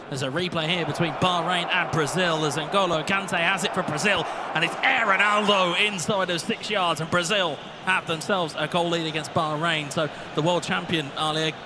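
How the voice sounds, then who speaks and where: A man giving live play-by-play commentary on an esports football match, rising to shouts when goals go in. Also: on the high side, noisy background.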